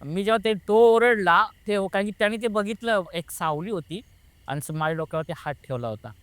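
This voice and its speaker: A man telling a frightening personal story as an interview guest, animated and often restarting his sentences. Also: high voice, clean tone, dry recording. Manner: animated, rushes and restarts when retelling fright. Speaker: guest recounting a paranormal experience. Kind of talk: conversational storytelling.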